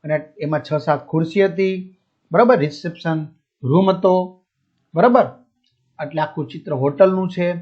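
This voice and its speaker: A man's voice: fairly high pitch, a little slow, long pauses, a little mellow. A male teacher explaining a textbook chapter, glossing each word with a simpler one and asking and answering his own questions. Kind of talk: explaining a school textbook lesson. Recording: dull lo-fi audio.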